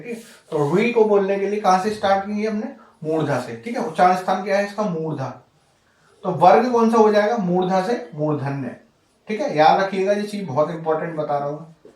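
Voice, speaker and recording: A man with a high voice teaches a grammar lesson in a patient, repetitive way. He keeps asking rhetorical questions and checking that the class is following. The recording carries a roomy echo. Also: darkish tone, distant mic.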